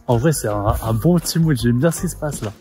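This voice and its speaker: A man's voice: mid-range voice, animated, fairly quick, a little mellow, faint music behind. A young man chatting to his viewers in a casual, slangy vlog style. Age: young adult. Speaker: vlogger.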